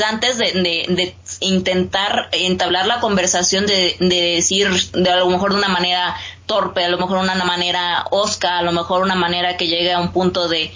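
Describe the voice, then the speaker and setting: Co-host, female, Mexican Spanish accent, bright tense tone, rambling casual talk, muffled audio. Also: fairly low pitch, flat delivery, normal speed. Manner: thinks aloud with many fillers and restarts, tags with ¿no?. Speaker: podcast co-host. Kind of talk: casual conversation.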